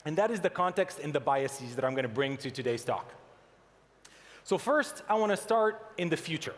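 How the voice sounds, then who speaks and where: A man from Portugal gives a keynote talk on a conference stage, his voice sitting slightly high for a man. He delivers it in an animated way. The sound carries the long reverb of a large event hall. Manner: animated, reads out mock headlines. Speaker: conference speaker.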